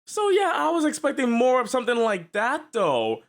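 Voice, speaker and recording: A woman's voice: fairly high pitch, wildly swooping pitch, normal speed. A woman hosting a reaction video, giggly and incredulous in casual commentary.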